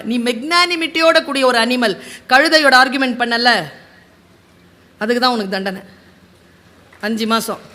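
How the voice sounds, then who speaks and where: A woman voicing a stern male lion king who judges a quarrel, speaking slowly and gravely. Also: a little high, sharp tone.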